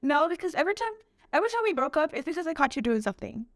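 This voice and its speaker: A woman's voice: high-pitched, very animated, very fast, no echo. A young woman co-hosting a podcast, blunt, profane and argumentative in casual chat. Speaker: podcast co-host.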